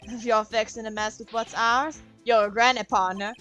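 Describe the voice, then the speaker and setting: A woman's voice: a little high, fairly even intonation, extremely slow, soft background music. A woman voicing a swaggering male detective who talks like a Western sheriff, in a put-on cowboy drawl.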